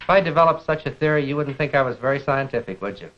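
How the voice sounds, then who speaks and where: A middle-aged American man presenting an educational lecture in a measured, deliberate manner, posing rhetorical questions, on a 1950s film soundtrack. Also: mid-range voice, lively intonation, muffled recording.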